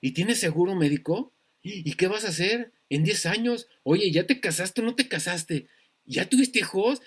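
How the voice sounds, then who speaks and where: A nosy acquaintance peppers someone with personal questions in a high, voice, as a man preaching acts it out. The delivery stays casual and everyday. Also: expressive, moderate pace, slightly rough. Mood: prying. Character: nosy prying acquaintance, adult.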